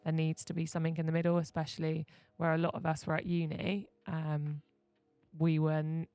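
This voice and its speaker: Woman guest, basketball coach, deep voice, laid-back storyteller, faint music under. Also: a little fast, smooth, no room sound. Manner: laughs often, relaxed storytelling. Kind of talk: casual podcast chat.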